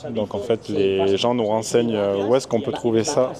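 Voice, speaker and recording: A man's voice: fairly low pitch, fairly even intonation, normal speed, crowd noise. A man talking casually to camera in a travel vlog, upbeat and thinking aloud as he walks around town and eats on a terrace. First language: French. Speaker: vlogger. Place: outdoors in a small town, street and terrace.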